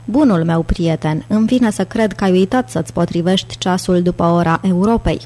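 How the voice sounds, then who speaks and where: Woman doing a jovial old aristocrat, low-ish voice, grand and playful, audiobook. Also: warm tone, natural voice. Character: theatrical, jovial older British male aristocrat.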